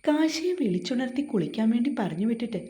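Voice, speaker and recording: A woman narrating a family romance story in a gentle, expressive way. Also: a little high, fast talker.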